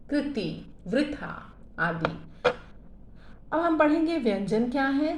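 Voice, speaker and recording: A woman teaching a school grammar lesson, explaining patiently, checking in with her students, and modeling sounds aloud for them to repeat. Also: a little high. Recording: echoey room with faint ambient noise.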